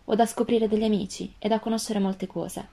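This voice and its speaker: A woman's voice: medium pitch, steady tone, a little fast, vocal fry, mellow. A woman voicing a curious, innocent little boy prince with a raised, questioning tone in a storybook reading.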